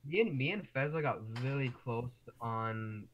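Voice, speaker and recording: A man's voice: medium pitch, animated, normal speed. A man chatting casually on a podcast in a laid-back way, laughing often. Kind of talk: casual chat. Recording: dull lo-fi mic with faint noise.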